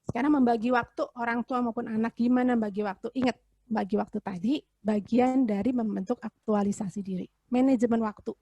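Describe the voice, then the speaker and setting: A woman's voice: a little high, steady tone, brisk, dark tone, dry recording. A woman, a psychologist giving a casual webinar talk to parents, explaining with everyday examples and rhetorical questions over a video call. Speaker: child psychologist presenter.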